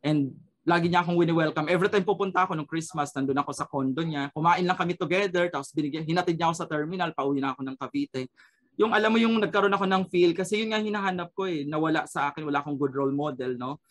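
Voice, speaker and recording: A man's voice: fairly high pitch, fast talker, a bit bright. A man sharing an earnest personal testimony as a radio program guest, switching between Tagalog and English and often adding a questioning "no?".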